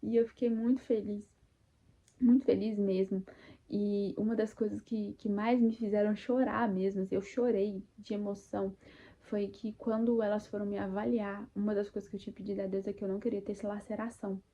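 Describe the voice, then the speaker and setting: A young Brazilian woman shares a personal story straight to her viewers in a very mellow, dark-toned voice. She talks casually and with feeling, full of faith, acting out the moments she lived. The sound is a little dull and lo-fi. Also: mid-range voice, level tone, brisk. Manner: emotional, reenacts her own cries and quotes; faith-filled, addresses viewers as "gente". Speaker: vlogger sharing birth story.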